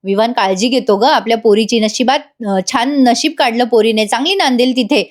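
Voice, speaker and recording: A woman's voice: on the high side, fairly quick, lightly acted. A woman reading the lines of a proud, contented middle-aged father. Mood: pleased.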